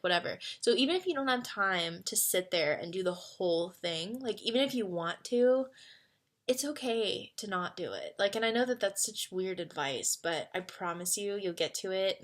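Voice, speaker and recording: A young woman in her twenties talks through fan questions in a relaxed vlog, her voice bright and clear. She leans on "like" constantly and drifts from bubbly excitement into quiet, earnest advice. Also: lowish voice, moderate pace. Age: 20s. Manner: chatty, heavy on "like" fillers. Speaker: vlogger answering fan questions. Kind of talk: casual chat.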